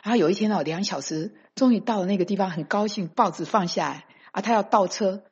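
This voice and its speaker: Husky-voiced woman preaching emphatically. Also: medium pitch, fast, a little mellow. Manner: emphatic, mixes in English phrases. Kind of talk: sermon. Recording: dull lo-fi recording.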